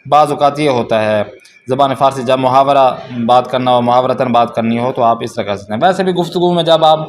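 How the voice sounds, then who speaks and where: A man teaching a language class, explaining a workbook and reading example sentences slowly and carefully. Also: medium pitch.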